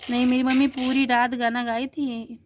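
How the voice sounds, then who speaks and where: A young woman talks through a photo album in a relaxed, chatty way, pausing on fillers as she explains each moment. Her voice sits a little high but stays fairly level in tone. A faint hiss lies under her phone recording at home. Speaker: vlogger. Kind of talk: casual narration of a photo album.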